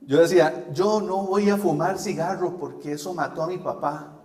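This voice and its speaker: Costa Rican male preacher, middle-aged, slightly high voice, homely storyteller; roomy hall with long reverb. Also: steady tone, normal speed, a little mellow. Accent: Costa Rican Spanish. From Costa Rica. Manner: folksy storyteller, laughs at himself. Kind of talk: sermon with personal testimony.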